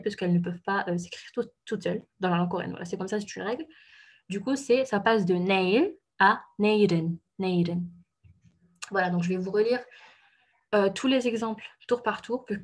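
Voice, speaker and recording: A woman teaching pronunciation in a relaxed explanatory way, pausing with fillers and correcting herself. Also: medium pitch, slightly rough. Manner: patient, many fillers and self-corrections. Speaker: Korean language teacher.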